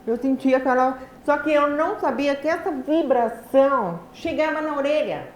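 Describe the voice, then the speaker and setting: A woman with a Brazilian Portuguese accent telling a personal story in a lecture, articulating words deliberately and with effort, in a lively, animated way. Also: sits high. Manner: deliberate, effortful articulation of a speaker who learned speech late. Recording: very echoey hall, faint background noise.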